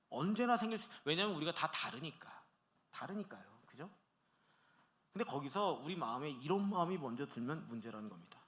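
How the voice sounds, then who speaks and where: A middle-aged man preaching a sermon as pastor, acting out everyday dialogue with animated delivery in a church. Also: high voice. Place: church sanctuary.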